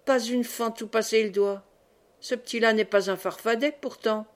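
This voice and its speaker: A woman's voice: fairly high pitch, steady tone, normal speed, natural voice. A woman reading as a sneering sly knight. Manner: sneering, self-satisfied. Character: sly mocking male knight.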